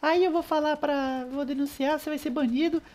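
A man putting on the voice of a whiny male player who threatens to report him, wailing in a high, complaining tone. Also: fairly even intonation, brisk, darkish tone. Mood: whining. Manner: whining, wailing "ai" cries.

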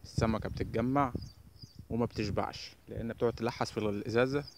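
Fast-talking Egyptian man narrating his fishing. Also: lowish voice, noisy background. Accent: Egyptian Arabic. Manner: brisk, excited, addresses viewers directly, mutters repeated blessings. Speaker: fishing vlogger. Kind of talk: live fishing commentary.

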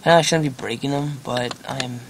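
Speaking briskly at a medium pitch, a young man hosts a gaming channel, rambling through gameplay with jokes at his own expense and lots of filler words. Keyboard clicks and typing come through in the noisy home recording.

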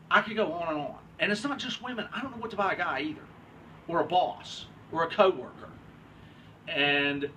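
A man's voice: fairly high pitch, bright, forceful tone, far from the mic, a little hiss or hum, poor audio. A man ranting bluntly in a casual vlog, grumbling and swearing freely as he complains. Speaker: vlogger.

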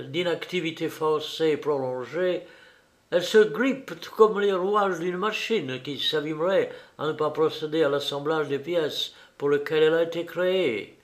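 Man doing a brilliant restless detective, crisp and sure, fairly high voice, audiobook. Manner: brisk, precise and self-assured. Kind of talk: audiobook reading.

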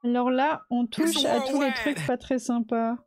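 A woman's voice: a little high, steady tone, measured pace, over music. A woman live streamer chatting casually with her chat while she models in 3D, laughing often.

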